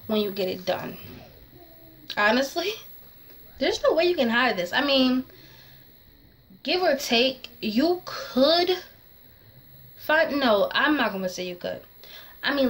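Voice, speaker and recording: High-voiced young woman with a tongue-piercing slur. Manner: slurred, slightly lisping speech from a tongue piercing; rambling, distracted, self-correcting. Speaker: vlogger. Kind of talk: casual advice chat to camera.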